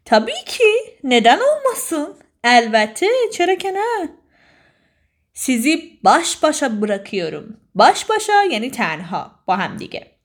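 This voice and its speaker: A young woman teaching a language lesson, saying each phrase aloud and explaining it for the listener to repeat. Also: high-pitched. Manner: lively, models phrases for repetition.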